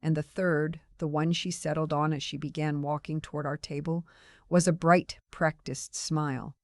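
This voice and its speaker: A woman in her sixties telling her own story in scripted first-person narration, calm and understated. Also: sits low, normal speed, no room sound, studio quality. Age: 60s.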